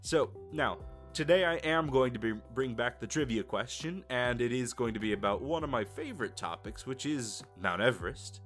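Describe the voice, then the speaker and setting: A man hosts a casual podcast and talks in a loose, rambling way, full of "uh" and restarts. His voice sits at an ordinary middle pitch. Soft guitar music plays faintly behind him. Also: animated, moderate pace, hardly any pauses. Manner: rambling, filler-heavy, friendly questions. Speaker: podcast host. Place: lives and works in Russia as a foreigner.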